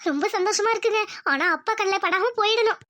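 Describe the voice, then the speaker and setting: Woman voicing a nervous young village wife in a cartoon, high-pitched. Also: fast, pushed and bright. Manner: anxious, pleading. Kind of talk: cartoon voice acting.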